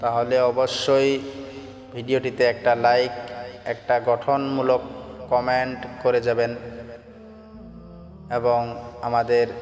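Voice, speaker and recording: A man's voice: medium pitch, darkish tone. A man teaching a lesson on reading Arabic letters, speaking patiently and repeating each sound and correction. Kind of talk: slow spoken lesson. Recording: echoey room with long reverb.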